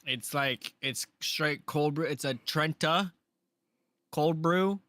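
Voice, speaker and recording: A man's voice: fairly high pitch, slow pace, sharp tone, dry recording, studio quality. A man co-hosting a casual livestream podcast, joking and teasing in loose banter. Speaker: podcast co-host.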